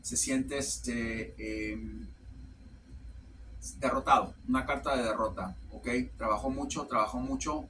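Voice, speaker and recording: A man reads tarot cards to his viewers in a bright, sharp voice, stopping and restarting as he hunts for words. He closes nearly every phrase with "ok". He sits a bit back from the mic, with a faint noise behind him. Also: medium pitch, fairly even intonation, takes it slowly, distant mic. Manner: repeats words while searching for the next. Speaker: tarot reader. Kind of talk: casual tarot reading to camera.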